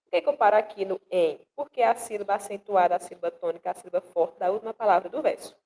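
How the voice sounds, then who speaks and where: A woman from northeastern Brazil, a poet, teaching verse meter in a slow, deliberate way and sounding out syllables one at a time. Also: mid-range voice, mellow, low-quality recording. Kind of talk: explanatory lesson with recited verses.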